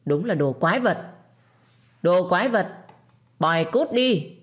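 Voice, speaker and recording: A woman voicing a cruel young boy who taunts and shouts insults. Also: lowish voice, lively intonation, a little slow. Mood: jeering. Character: cruel boy bully, jeering.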